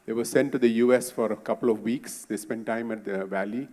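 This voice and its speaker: A man's voice: medium pitch, fairly even intonation, a little fast, darkish tone. A man on a conference panel giving information in a matter-of-fact way. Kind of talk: panel discussion. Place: conference hall. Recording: long reverb of a hall.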